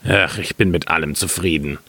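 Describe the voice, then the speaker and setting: A man reading a fairy tale aloud, voicing a gruff, gullible miller in a lower, slower voice. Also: steady tone, pushed and bright, dry recording, full character voice.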